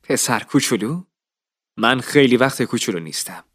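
A man voicing an earnest, calm young nobleman pleading his case with determination. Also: medium pitch, breathy edge.

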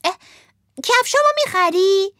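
A woman's voice: extremely high pitch, expressive, fairly bright tone, no echo, clean studio sound, pitched above the performer's own voice. A woman voicing a naive wooden puppet boy who bargains in a pleading, hesitant way.

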